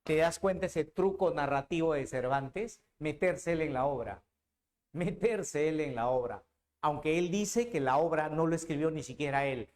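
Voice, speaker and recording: A man, teaching literature as a dramatic storyteller who talks straight to the student. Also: a little high. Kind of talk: animated lecture.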